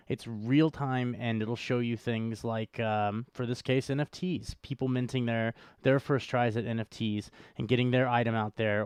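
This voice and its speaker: A man with an average-pitched voice hosts a live stream as a podcast host, explaining things conversationally and without a script. His tone is clean, and the sound is dry with no room sound.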